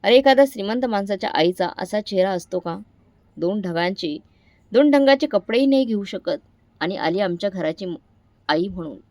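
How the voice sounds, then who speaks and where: A woman's voice: medium pitch, expressive, moderate pace, darkish tone, no room sound, lightly acted. A woman voicing an arrogant, scornful young daughter-in-law in a story, speaking in a sneering, raised voice.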